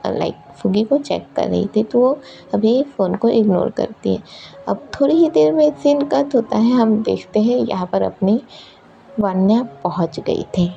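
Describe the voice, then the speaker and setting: A woman's voice: mid-range voice, gravelly, warm tone, lo-fi sound. A woman narrating a romance story, describing scenes in detail and fondly calling the characters "our".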